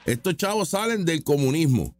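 A political commentator reacts to street interview clips with casual, opinionated, mocking remarks and lots of rhetorical questions. His voice is on the high side and sing-song at a moderate pace, with very noisy audio.

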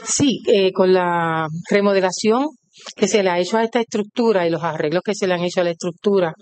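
A woman's voice: fairly low pitch, a little fast, a little mellow, clear, resonant tone. A woman with a Puerto Rican accent, a cooperative leader being interviewed, proudly listing things in rhythmic runs. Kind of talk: on-site interview.

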